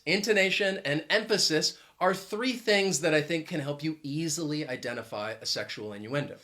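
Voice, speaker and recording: A man with a bright, ringing voice pitched a little high teaches a video lesson. He speaks clearly and deliberately and leans on key words to make his points. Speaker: English teacher.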